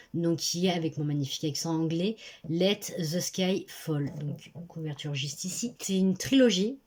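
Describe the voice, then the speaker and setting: Hesitant, low-voiced teenage girl book vlogger. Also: a little mellow. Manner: rambling, hesitant, self-correcting. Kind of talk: casual book review vlog. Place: bedroom at her parents' home. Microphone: phone.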